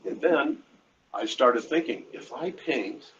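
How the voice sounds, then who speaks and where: With lively intonation and a slightly bright edge to his deep voice, an older artist in his 60s or above tells rambling, halting stories in a casual interview, often quoting conversations. The live stream from a hotel event space is muffled and lo-fi, with a noisy room.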